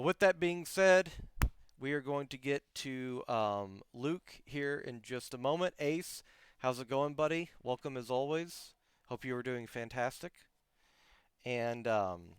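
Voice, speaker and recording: A man's voice: mid-range voice, lively intonation, slow, long pauses, clear, resonant tone. A man hosting a casual livestream podcast interview, rambling with many fillers and restarts, his voice a little worn. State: losing his voice. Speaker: podcast host.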